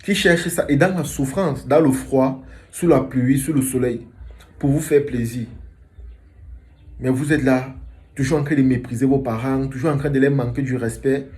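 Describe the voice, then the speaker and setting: A man's voice: medium pitch, fairly even intonation, normal speed, mellow. A man hosting a reaction video, speaking earnestly to his viewers in an emotional, moralising commentary. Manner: earnest, preachy.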